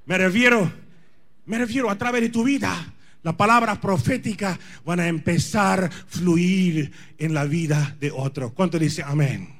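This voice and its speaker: A man's voice: high-pitched, measured pace, fairly bright tone. A man in his forties preaching a charismatic sermon as a pastor, speaking Spanish as a second language, emphatic and repetitive, often questioning his listeners. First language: not Spanish. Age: 40s. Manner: emphatic, repeats phrases, questions the congregation.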